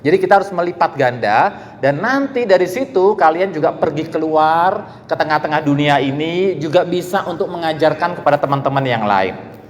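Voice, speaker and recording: A man preaching a lively sermon to students, often raising his voice to call out quoted lines and adding playful asides. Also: a little high, normal speed, slight background noise. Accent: Indonesian. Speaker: pastor. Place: church hall. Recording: long church hall reverb.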